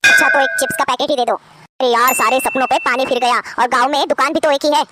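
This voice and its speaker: A woman's voice: high voice, fairly even intonation, fast talker, noisy background, pitched below the performer's own voice, natural voice. A woman voicing a greedy schoolboy who sulks about his food, in a cartoon. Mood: sulky. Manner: whiny, grumbling.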